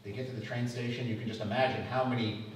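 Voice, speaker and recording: A middle-aged man retelling family history at a public talk, halting and repeating words as he goes. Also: mid-range voice, little pitch movement, slight background noise. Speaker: lecture speaker. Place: museum lecture room. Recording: echoey hall from far off.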